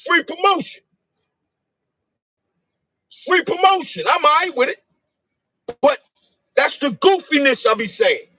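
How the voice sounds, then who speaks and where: A man in a casual livestream chat, taunting in an animated, sing-song way. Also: very high-pitched, a little slow, long pauses, dry recording. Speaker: podcast guest. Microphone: phone livestream.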